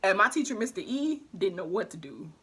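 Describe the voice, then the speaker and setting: A young woman vlogger telling a slangy, animated storytime while doing her makeup. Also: mid-range voice, fairly quick, husky. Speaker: beauty vlogger.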